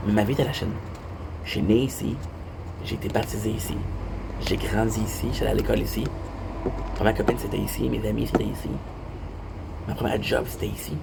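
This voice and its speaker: A man's voice: fairly low pitch, fairly even intonation, fast, vocal fry, long pauses. A young Québécois man telling a rambling story in a casual monologue, repeating himself and swearing casually. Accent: Québécois French. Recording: noisy background hum.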